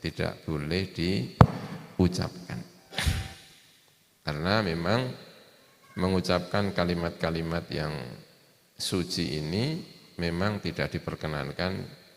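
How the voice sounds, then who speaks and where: A man preaching to a congregation, repeating key phrases and softening them with gentle asides. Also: low voice, vocal fry. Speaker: Islamic preacher. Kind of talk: sermon. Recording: echoey hall recording.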